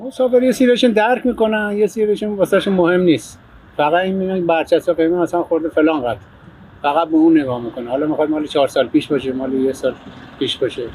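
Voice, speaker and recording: A man's voice: on the high side, steady tone, darkish tone, slightly rough. A man working as a taxi driver, chatting casually and complaining as he answers an interviewer. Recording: noisy vehicle and street ambience.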